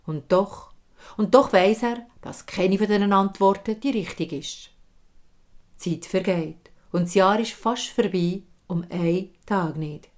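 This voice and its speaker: A woman's voice: lowish voice, a little mellow. Swiss German woman telling a fairy tale. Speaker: storyteller.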